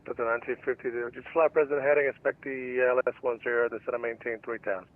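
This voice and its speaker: An air traffic controller gives clipped instructions in standard phraseology, talking fast in a mid-range, fairly even voice with no echo. The audio comes through a radio filter, muffled, with music behind it.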